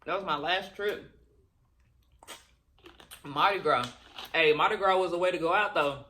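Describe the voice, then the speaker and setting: A woman's voice: on the low side, sharp tone, slight background noise. Chatty woman, chewing while talking. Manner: chewing while talking, pausing between bites; chatty, colloquial, rambling. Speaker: mukbang vlogger. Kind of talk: casual chat to viewers while eating.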